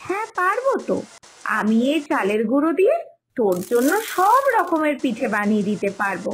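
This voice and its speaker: A woman with a high voice and big pitch swings plays a doting, hard-working village mother in a cartoon moral story, speaking a little fast. She sounds patient and coaxing, explaining things and repeating phrases. The recording has a slight hiss or hum.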